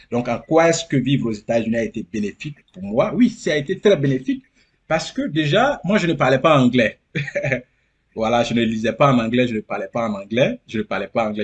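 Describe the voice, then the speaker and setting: Earnest husky man. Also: on the low side. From Côte d'Ivoire. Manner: earnest, repeats phrases for emphasis. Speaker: interview guest. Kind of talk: casual interview.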